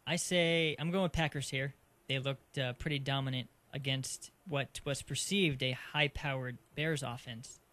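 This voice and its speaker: A man from Arizona co-hosting a casual sports podcast, easygoing and quick to laugh. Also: mid-range voice, steady tone, pushed and bright. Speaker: podcast co-host. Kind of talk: casual sports picks chat.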